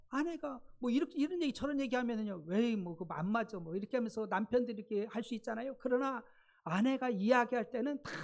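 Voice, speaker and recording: A pastor preaches in a relaxed, talking style, leaning hard on key words and slipping into the voices of the people in the story. The voice has a rough, creaky texture and sits at a middle pitch. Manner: conversational, emphatic preaching that acts out quoted speech. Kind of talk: sermon. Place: church sanctuary.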